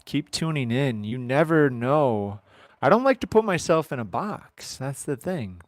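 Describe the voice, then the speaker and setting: While working outdoors on his farm, a man in his thirties hosts a casual livestream, rambling between topics and tossing joking asides to viewers. His middle-pitched voice is lively and unhurried, and the sound is dry with no room echo.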